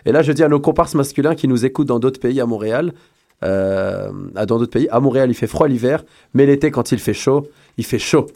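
A man's voice: mid-range voice, a little fast, mellow. Playful man hosting a radio chat. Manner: playful, teasing, hesitant with fillers. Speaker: radio show host. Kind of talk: casual joking radio chat.

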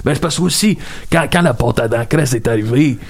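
A man's voice: mid-range voice, a little fast. A man voicing a toothless, rambling, forgetful old comedian of about ninety with a Quebec French accent, in improvised interview comedy. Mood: grumbling. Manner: rambling, hesitant, repeats phrases. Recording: clearly noisy background with clicks.

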